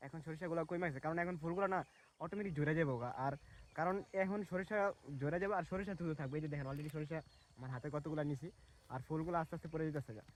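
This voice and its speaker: A man's voice: a little high, very fast, a little hiss or hum. A man from Bangladesh vlogging outdoors while walking through mustard fields, chatty and colloquial, talking to the camera he holds. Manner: chatty, colloquial, often says "ঠিক আছে". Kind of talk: walking vlog.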